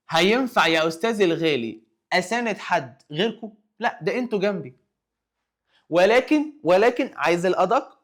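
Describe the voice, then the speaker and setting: Young Egyptian man, history teacher, rapid and slightly high, lively self-quizzing review. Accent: Egyptian Arabic. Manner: animated, asks and answers his own questions. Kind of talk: exam review lesson.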